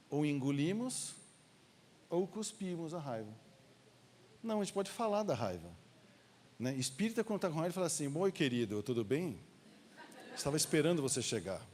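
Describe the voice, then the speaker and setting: A man's voice: fairly high pitch, sing-song, moderate pace, long pauses, darkish tone, a little hiss or hum. A man giving an informal, joking lecture at a spiritist center, acting out little quoted dialogues. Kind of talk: spiritist lecture to a live audience.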